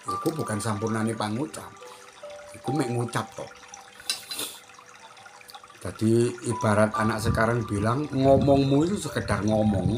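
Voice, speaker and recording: A middle-aged spiritual teacher with an East Javanese accent speaks straight to his listener. He circles back over the same warnings again and again in a steady, admonishing way. Music plays clearly under his voice. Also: on the low side. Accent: East Javanese Indonesian. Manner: repetitive, admonishing, addresses listener directly. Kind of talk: spiritual advice talk.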